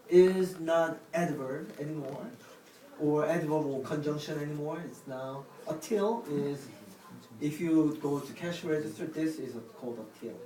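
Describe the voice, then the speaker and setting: A man's voice: a little high, a little mellow. Distant echoey man explaining words. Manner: halting, restarts, non-native phrasing. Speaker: vlog host explaining words. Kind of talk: casual explanatory chat. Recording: echoey room from a distance, faint noise.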